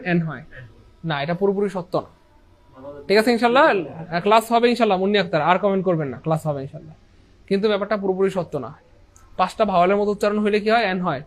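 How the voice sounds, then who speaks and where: High-voiced man teaching an English lesson. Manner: asks the class questions and answers them himself in call-and-response; often says "inshallah" and "dear brothers and sisters". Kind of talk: online English grammar lesson.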